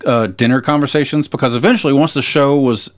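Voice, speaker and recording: A man's voice: medium pitch, fast. A man co-hosting a podcast, chatting casually and retelling a story with lots of fillers and restarts. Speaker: podcast co-host. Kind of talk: casual chat.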